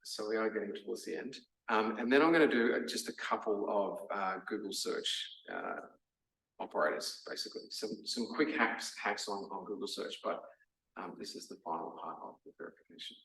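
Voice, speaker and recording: A man's voice: fairly low pitch, animated, brisk, vocal fry, fairly bright tone. An Australian man giving a casual lecture, chatty and full of fillers like "um" and "like". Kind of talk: casual masterclass talk. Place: lecture room. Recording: roomy hall, mic from a distance.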